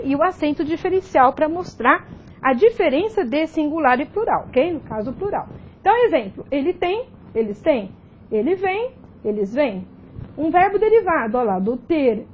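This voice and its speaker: A woman's voice: high-pitched, darkish tone, muffled recording, a little hiss or hum. A Brazilian woman teacher giving a recorded grammar video lesson, explaining step by step and often checking in with tag questions. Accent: Brazilian Portuguese.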